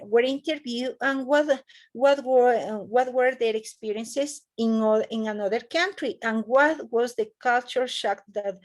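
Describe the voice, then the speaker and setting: A woman's voice: a little high, a little mellow. A woman teaching an online class, speaking hesitantly with many fillers and restarts.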